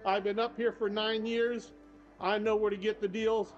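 Walking through a small town's streets and shops, both indoors and outdoors, an older male travel vlogger gives a chatty, upbeat tour recorded on his handheld camera. He speaks at a moderate pace in a high-pitched voice with little pitch movement. Faint music sits behind the slightly dull-sounding recording.

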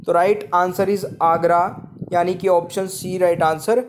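A man with a high voice talks over quiz slides as a teacher. He reads every question, repeats it to his viewers, and then states the answer plainly. His steady classroom patter keeps to a fixed routine. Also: unhurried, slight background noise. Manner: repeats each question, addresses viewers as friends. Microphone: voice-over on screen slides.

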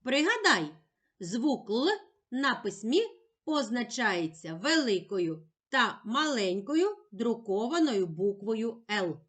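A woman teacher giving a slow, scripted lesson to young children, drawing out syllables clearly. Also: fairly high pitch, very animated, fairly bright tone.

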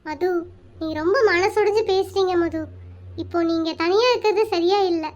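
A performer voicing a caring young woman colleague in a comic cartoon, speaking gently and sympathetically. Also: very high voice, normal speed, dull audio. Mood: concerned.

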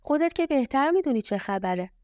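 Female narrator voicing a sharp, demanding older mother in a storybook, dry close sound. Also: high voice, sing-song, dry recording, voice pushed up. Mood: accusing. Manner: sharp, accusing.

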